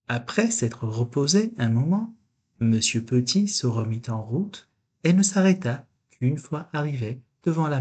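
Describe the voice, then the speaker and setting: Slow husky man reading a storybook. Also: medium pitch, darkish tone. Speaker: storybook reader. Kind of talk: children's story read-aloud.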